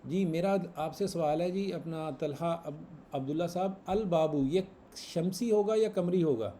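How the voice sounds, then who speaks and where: A man's voice: fairly high pitch, measured pace, dark tone, a little hiss or hum. A man teaching a class, patiently repeating examples and quizzing his students. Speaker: Arabic grammar teacher. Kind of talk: online class lesson.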